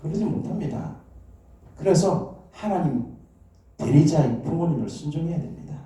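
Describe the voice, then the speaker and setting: A pastor with a fairly high, animated, mellow voice preaches at a moderate pace, pulling the congregation in through questions and calls for amens. It's a call-and-response sermon in a church sanctuary, captured on a distant mic in an echoey hall.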